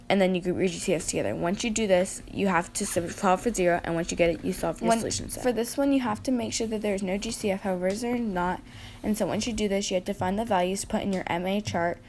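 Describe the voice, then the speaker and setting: A woman giving a procedural, repetitive walkthrough of math practice problems as a student presenter. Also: mid-range voice. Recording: faint background noise.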